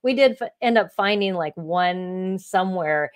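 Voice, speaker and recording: A woman's voice: on the low side, animated, unhurried, clear, resonant tone. A middle-aged woman hosting an interview in casual chat, often repeating words as she thinks. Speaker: podcast host.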